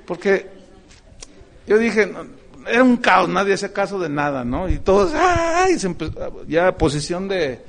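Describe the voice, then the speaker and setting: Animated high-voiced pastor. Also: male voice, a little slow. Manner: animated storytelling with humor, acts out voices. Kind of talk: sermon.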